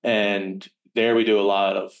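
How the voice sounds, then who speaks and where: Low-voiced young man, off the mic. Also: flat delivery, unhurried, dull audio. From Virginia, United States. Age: early 20s. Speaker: podcast guest, summer intern. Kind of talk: casual interview answers. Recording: distant from the microphone.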